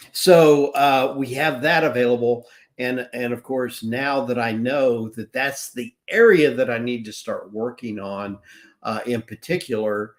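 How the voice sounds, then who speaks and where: A man in his mid-sixties talks slowly and earnestly through a casual live stream, his voice sitting at an ordinary middle pitch. He wanders through his points and often backs up to restart a sentence. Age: 60s. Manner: earnest, rambling, with frequent restarts. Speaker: wellness business owner.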